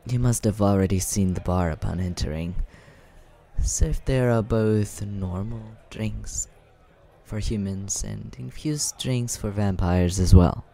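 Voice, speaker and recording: Man playing Scaramouche, a deep, creaky, suave vampire. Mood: curious, courteous. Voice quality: low, creaky, soft. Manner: unhurried, smooth-mannered, teasing. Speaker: ASMR roleplay performer. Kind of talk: soft ASMR roleplay, addressing the listener.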